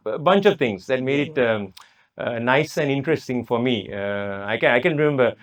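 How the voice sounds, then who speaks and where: A man reminiscing about his school days in a casual chat, halting often with fillers and restarts. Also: medium pitch, animated. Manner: hesitant, many fillers and restarts. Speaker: alumnus guest.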